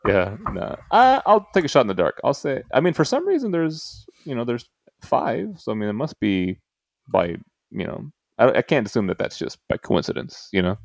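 A man hosting a casual chat, talking in an animated, rambling, joking way. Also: medium pitch, moderate pace, vocal fry, no room sound, studio quality. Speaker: podcast host.

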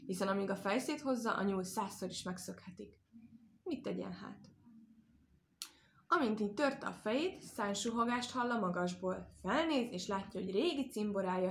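Female storyteller for a children's fable: expressive, measured reading, mid-range voice. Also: mid-range voice, a little hiss or hum. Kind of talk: storybook narration.

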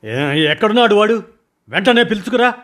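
A man voicing a short-tempered male boss who barks loud, demanding questions and orders. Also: high voice, lively intonation, brisk, pitched above the performer's own voice. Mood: impatient, demanding.

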